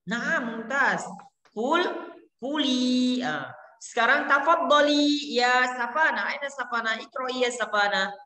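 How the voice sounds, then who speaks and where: Bright-voiced woman teacher in an echoey room. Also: sits high, expressive, slow pace. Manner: patient, encouraging, drills words and sprinkles Arabic classroom phrases. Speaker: Arabic teacher. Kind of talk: online class teaching pronunciation to children. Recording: echoey room with long reverb.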